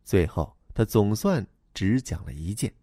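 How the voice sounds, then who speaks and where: A man's voice: fairly low pitch, lively intonation, unhurried, warm tone, breathy edge, dry recording, studio quality. A man reading a storybook aloud as narrator, in a wry, playful way.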